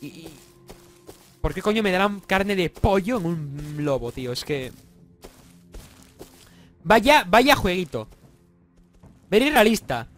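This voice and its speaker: A man's voice: high voice, normal speed, soft background music. A young man from Spain with a Spanish accent, giving casual let's-play commentary, joking and swearing, a little congested with a sore throat. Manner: excitable, swearing, joking, bursts into yells. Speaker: gaming YouTuber.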